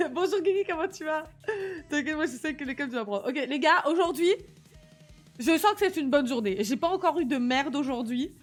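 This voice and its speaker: A woman's voice: sits high, expressive, a little fast, faint music behind. A young woman with a slight lisp and slushy s sounds, chatting casually and animatedly in slang as she livestreams. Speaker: live streamer.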